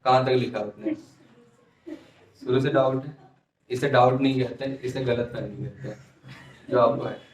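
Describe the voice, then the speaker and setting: A man's voice: mid-range voice, steady tone, a little slow, long pauses. A man teaching a history class, constantly checking in with his students and calling them dear children. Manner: repetitive checks like "clear?" and "keep in mind", addresses students as dear children. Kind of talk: classroom lecture. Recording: echoey room, mic at a distance.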